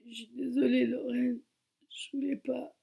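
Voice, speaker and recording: A woman voicing a guilt-ridden young male deputy, shouting in a husky voice. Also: high voice, level tone, unhurried, pitched above the performer's own voice, exaggerated voice. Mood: dying, remorseful. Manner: loud pleading shouts.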